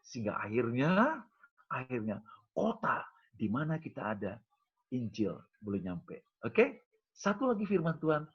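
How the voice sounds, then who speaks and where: A man's voice: mid-range voice, sing-song, a little slow, breathy edge. A male pastor giving a conversational sermon, telling a story in colloquial speech and acting out the dialogue. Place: church. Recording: dull lo-fi recording.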